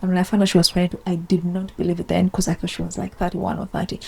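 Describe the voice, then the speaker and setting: A woman's voice: on the low side, level tone, rapid-fire, vocal fry, dark tone, husky. A woman giving chatty, opinionated commentary in a casual vlog, rambling with asides. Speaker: video essayist.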